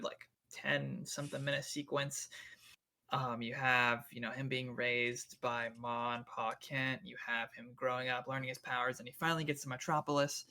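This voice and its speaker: Gravelly bright young man, laid-back chat. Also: medium pitch. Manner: laid-back, lots of "like" fillers. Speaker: podcast co-host. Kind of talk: casual film discussion.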